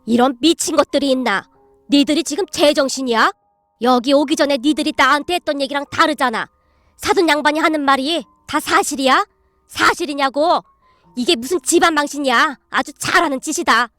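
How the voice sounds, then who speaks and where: A woman's voice: high-pitched, brisk, a bit bright, no room sound, faint music behind. A woman voicing a stern, blunt elderly grandmother in a storybook tale, speaking in a formal, scolding way.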